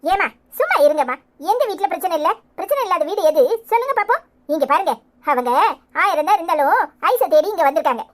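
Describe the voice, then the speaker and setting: Bossy cartoon housewife with a Tirunelveli accent, voiced by a woman, shrill and quick-fire. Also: expressive. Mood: chiding. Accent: Tirunelveli Tamil. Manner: brisk, bossy, chiding. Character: bossy brisk village housewife, in-law. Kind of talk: cartoon voice acting.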